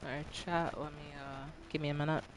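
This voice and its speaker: A man's voice: a little high, level tone, brisk, music in the background. Man on a cutting-out mic, uneven volume. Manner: casual, swears freely, exasperated. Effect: uneven volume from a faulty mic cutting in and out. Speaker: live streamer. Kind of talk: casual stream chat.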